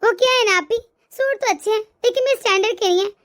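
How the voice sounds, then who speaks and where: Lady voicing a stuck-up cartoon girl, super high voice, talks down to people. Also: fast talker, a bit bright. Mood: haughty. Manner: haughty, dismissive. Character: snobbish young woman, proud of her standards. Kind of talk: cartoon voice acting.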